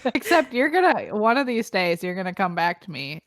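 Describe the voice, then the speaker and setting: A woman's voice: medium pitch, big pitch swings, normal speed, no echo. A young woman co-hosting a podcast, chatting casually with a blunt, joking manner and frequent laughter. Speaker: podcast co-host. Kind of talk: casual chat.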